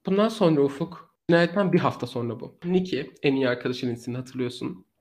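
A man co-hosting a casual true crime podcast, telling the story in an animated way and laughing often. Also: mid-range voice, quick pace.

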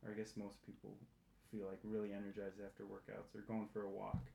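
A young man co-hosting a podcast, rambling in casual chat and filling every pause with "like". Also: on the low side, completely flat delivery, vocal fry, dark tone, slight background noise. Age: young adult. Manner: rambling, says like a lot. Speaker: podcast co-host. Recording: echoey room.

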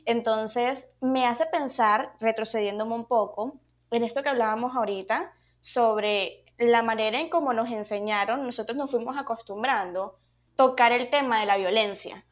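A woman's voice: on the high side, normal speed. A woman hosting a podcast, thinking aloud as she talks through her ideas. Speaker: podcast host. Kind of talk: casual podcast conversation.

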